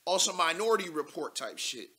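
A man in his thirties hosting a live political call-in show from a studio desk, talking loud and animated with casual slang and cursing. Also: a little high, fairly quick. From United States. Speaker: talk show host.

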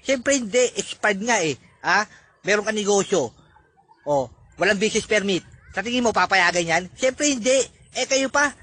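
A man's voice: high voice, pushed and bright. A man ranting angrily at celebrities, scolding and tagging his lines with a demanding "ha?". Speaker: netizen ranting on video. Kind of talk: angry rant. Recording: background noise.

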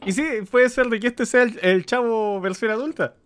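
A man's voice: extremely high pitch, normal speed, clean tone. A man streaming casual live commentary as he reacts to a film.

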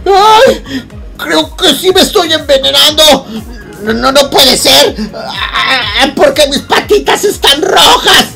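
A woman's voice: sits high, animated, slow pace, creaky, sharp tone, faint music behind, pitched above the performer's own voice, heavily acted. A woman voicing a big male crocodile who frets and whines. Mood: alarmed. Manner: whiny, fretful. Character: big wicked male crocodile, now frightened.

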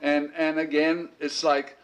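A middle-aged man teaching an informal Bible lesson. He talks in a rambling, conversational way, often restarting his sentences and clearing his throat. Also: on the high side, level tone, unhurried.

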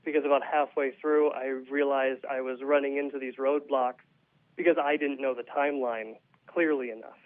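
Interviewed by phone on a radio show, a playwright explains his thinking in a reflective, conversational way. He has a mid-range voice, a steady tone and a normal speaking speed, heard over a tinny, narrow line.

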